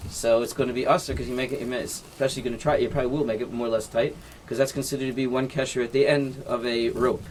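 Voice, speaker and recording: Talking fast with hardly any pauses, a rabbi uses a level tone in a mid-range male voice, with a little hiss or hum in the background. He demonstrates knots with his hands during an informal halacha class, explaining each step, asking "right?" along the way, and using Hebrew and Yiddish terms.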